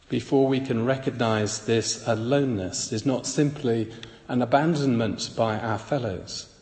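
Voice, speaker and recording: A man giving a devotional Bible reflection in a measured, reflective way, recorded with an echoey hall reverb. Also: medium pitch, darkish tone. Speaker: preacher.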